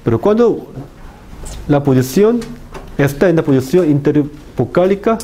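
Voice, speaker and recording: Man teaching phonetics, slow and drilling, warm low-key tone, faint room noise behind. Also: expressive. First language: Korean. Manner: slow, repeats example words over and over. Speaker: university lecturer. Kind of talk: phonetics lecture.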